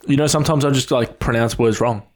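A man's voice: medium pitch, steady tone, fast talker. A man co-hosting a casual podcast, teasing, swearing and mocking himself, and sleep deprived. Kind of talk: casual banter.

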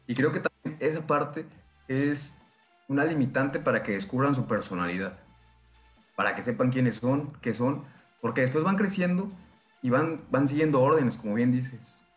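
A man's voice: mid-range voice, moderate pace, soft background music. A man who works in science, talking casually on a podcast, eager and rambling with many restarts. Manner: enthusiastic, agreeing, rambling. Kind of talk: casual conversation.

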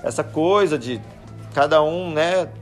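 A man's voice: a little high, unhurried, faint music behind. A man giving a sermon as a pastor, shifting between Scripture and casual family stories. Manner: conversational, anecdotal preaching.

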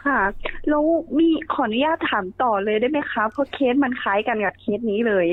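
A woman calling in for advice, polite and deferential, asking questions softly. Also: fairly high pitch, fairly quick. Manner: polite, deferential, soft-spoken. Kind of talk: casual chat. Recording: tinny phone line.

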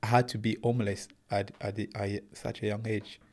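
Interview guest: young man from Congo, English not his first language, lowish voice, earnest storyteller. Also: flat delivery, brisk, darkish tone. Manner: earnest, plain storytelling, says "bro" often. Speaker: guest, professional boxer. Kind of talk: casual interview.

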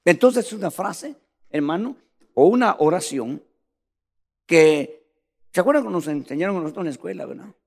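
A man preaching with fervent emphasis, his voice high for a man and swinging widely up and down. There is a gravelly edge to it, and the long reverb of a large hall trails behind his words. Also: lively intonation, moderate pace, long pauses, a little mellow. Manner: fervent, emphatic, direct address to the congregation. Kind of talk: sermon.

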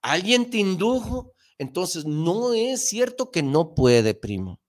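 A man hosting a motivational talk show, speaking emphatically with slangy rhetorical questions and bursts of excitement. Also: high voice, slow pace.

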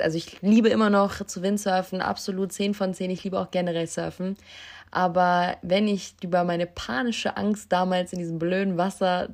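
A young woman hosting her own podcast, telling a personal story in a casual, emotional, self-mocking way and speaking straight to her listeners on a basic microphone. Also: on the low side. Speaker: podcast host. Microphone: basic non-professional mic.

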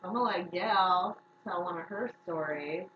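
A woman's voice: lowish voice, moderate pace, a little hiss or hum. A woman co-hosting a podcast, chatting playfully and teasing her co-host. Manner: playful, teasing, swears casually. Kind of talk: casual chat. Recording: echoey, distant, dull sound.

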